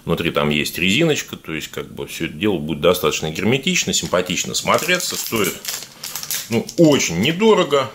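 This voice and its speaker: A man with a deep voice and a defective, burred R talks casually through an unboxing. His delivery is conversational and halting, addressed informally to viewers. There is clear noise behind him, with clicks. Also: animated. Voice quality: burr, defective pronunciation of the R sound. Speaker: video blogger unboxing parcels. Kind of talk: casual product unboxing commentary.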